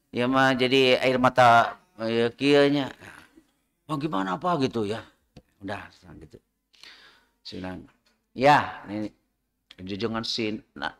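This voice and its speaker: A man's voice: mid-range voice, fairly bright tone. A middle-aged man with a Sundanese accent giving a religious study talk, telling chatty anecdotes and slipping between Indonesian and Sundanese. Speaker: Islamic lecturer.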